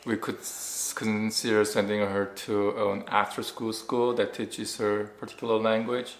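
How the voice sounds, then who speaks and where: A father co-hosts a family vlog, chatting casually with his partner and working in a sponsor pitch. His voice is on the low side, level and a little slow. The recording has a roomy echo and faint background noise.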